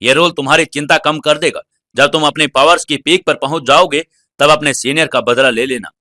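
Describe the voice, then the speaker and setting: A commanding male martial arts alliance president, as a narrator voices him in an audio story, speaking firmly and reassuringly. The voice is bright and clear, recorded dry and close. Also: fairly high pitch, fairly even intonation, brisk, dry recording. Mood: assured.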